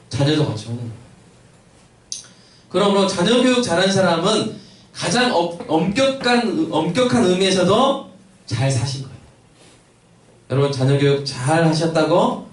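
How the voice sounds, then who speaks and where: A man preaching a Sunday sermon as a pastor, keeping up a stream of questions to the congregation. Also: on the high side. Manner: asks the congregation many questions. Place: church sanctuary. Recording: echoey church from a distance.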